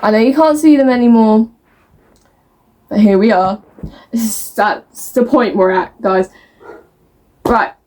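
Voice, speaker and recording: A woman's voice: a little high, a little slow, long pauses, darkish tone. Chatty woman book vlogger. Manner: chatty, self-mocking, stumbles over words. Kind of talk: casual chat, reading blurbs aloud.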